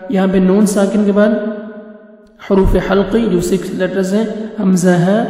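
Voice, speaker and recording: High, flat-voiced man teaching recitation in an echoey hall. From Pakistan. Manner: spells letters slowly, then chants verses in a drawn-out melodic recitation. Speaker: Quran teacher. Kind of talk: word-by-word recitation lesson. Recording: very echoey with long reverb, faint music.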